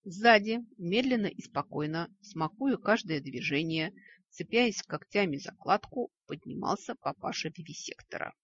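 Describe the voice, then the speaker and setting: A woman's voice: on the low side, expressive, moderate pace, husky. A woman narrating a fantasy story in the first person with a wry, ironic manner. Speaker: audiobook narrator. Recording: dull lo-fi recording.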